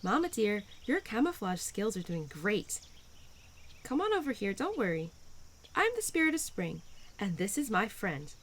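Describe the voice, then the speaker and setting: In an audio roleplay, a woman plays a cheerful, playful, nurturing young spirit of spring, affectionately and gently teasing the listener. Her mid-range voice is sing-song at a normal speed, with a tender, adoring mood.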